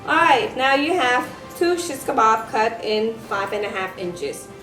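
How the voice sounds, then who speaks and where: A woman giving a step-by-step craft lesson for children, speaking like a bright kids' presenter and teacher. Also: fairly high pitch, expressive, measured pace. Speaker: elementary science teacher presenting a craft tutorial. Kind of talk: step-by-step instructional demonstration for children. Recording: roomy echo with music behind.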